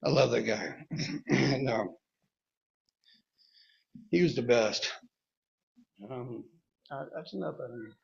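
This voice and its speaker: A man giving a rambling, halting tribute at a memorial recovery meeting, mixing jokes into it. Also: medium pitch, vocal fry, husky, muffled recording. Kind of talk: personal tribute speech.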